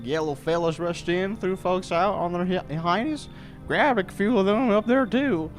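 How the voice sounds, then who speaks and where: A man's voice: high-pitched, normal speed, faint music behind, pitched above the performer's own voice, close to an everyday voice. Man doing a chatty old Southern lady. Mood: folksy, rambling. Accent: put-on Southern. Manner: rambling, stumbling over words. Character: folksy older Southern woman drifter, chatty.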